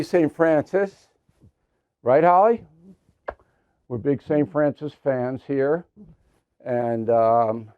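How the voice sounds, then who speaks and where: An older American host in his seventies with a somewhat high-pitched voice. He talks in a blunt, brisk, conversational way, moving between ad reads and casual chat. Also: vocal fry, dark tone. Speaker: news commentary host.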